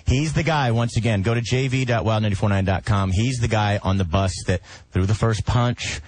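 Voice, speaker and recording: A man hosting a casual radio talk show, firing pointed questions and tossing in quick interjections. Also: lowish voice, a little mellow, slight background noise.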